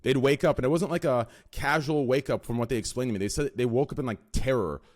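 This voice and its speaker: A man's voice: mid-range voice, fast talker. A young man hosting a casual podcast with friends, brash and swearing, talking straight to his chat. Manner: brash, swearing, talks to chat, loud impressions. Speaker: streamer and podcast host.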